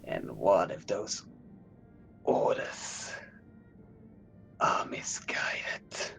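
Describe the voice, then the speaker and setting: A man voicing a soldier's inner conscience in a tabletop game, cold, pious, accusing and goading, often hushed and breathy. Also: medium pitch, very animated, slow, whispered, soft background music, heavily acted. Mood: insinuating, accusing. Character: accusing inner conscience of a zealous soldier, his mirror reflection.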